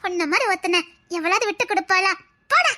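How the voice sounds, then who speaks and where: A woman playing a shrill, tearful young lover. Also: animated, brisk, bright, forceful tone, full character voice. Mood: tender. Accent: Tirunelveli Tamil. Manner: tearful, insistent, laughing through sobs. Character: devoted young woman clinging to her paralysed lover. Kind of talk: comedy skit acting.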